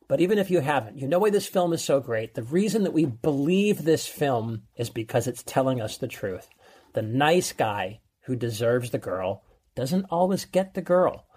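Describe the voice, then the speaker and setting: A man's voice: mid-range voice, expressive, normal speed, darkish tone, husky. A man co-hosting a casual chat, jokey and chatty, laughing often. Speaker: co-host.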